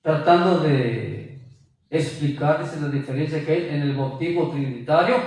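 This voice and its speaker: High-voiced preacher in an echoey hall. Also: male voice, a little slow, a little mellow, recorded from a distance. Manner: emphatic, quizzes listeners with rhetorical questions. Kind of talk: sermon. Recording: very echoey room, voice from afar.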